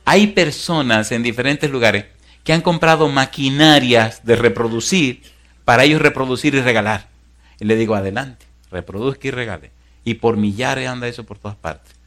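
Man, pastor, lively sermon storytelling, hushed then loud, laughing. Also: mid-range voice, moderate pace.

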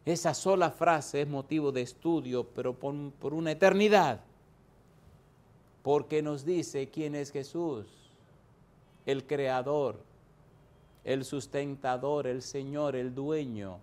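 A male preacher delivering a sermon at an unhurried, deliberate pace. His voice sits at an ordinary pitch, and he swells into loud, emphatic bursts for effect. When he cites scripture, he reads it out slowly and carefully.

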